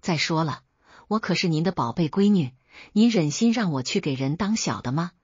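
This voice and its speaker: A woman's voice: lowish voice, expressive, normal speed, a little mellow, breathy edge, no echo, lo-fi sound. A woman voicing a stubborn, tearful young woman who pleads and wheedles with her father in a story. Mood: pleading.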